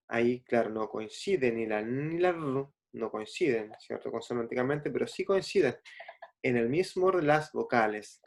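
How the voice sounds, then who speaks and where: A man teaching a class, patiently checking in with his listeners and spelling out letters and syllables. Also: medium pitch. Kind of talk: classroom explanation.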